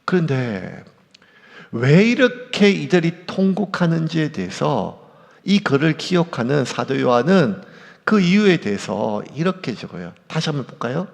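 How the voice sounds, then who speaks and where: A male pastor delivering an emotional sermon in a church, at times dropping to hushed, near-whispered lines. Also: fairly high pitch, very animated, a little slow, creaky. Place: church sanctuary. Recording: church hall reverb.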